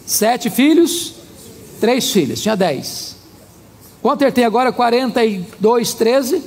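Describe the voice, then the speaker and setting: High-pitched gravelly preacher. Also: male voice, unhurried, long reverb tail. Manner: animated, humorous storytelling preacher. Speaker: pastor. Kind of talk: sermon.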